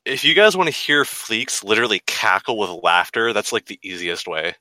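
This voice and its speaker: A man's voice: fairly low pitch, very animated, normal speed, pushed and bright, no room sound. A man co-hosting a casual chat from his bedroom, joking at his own expense and swearing freely. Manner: self-mocking, swears freely. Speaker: podcast co-host. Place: bedroom at home.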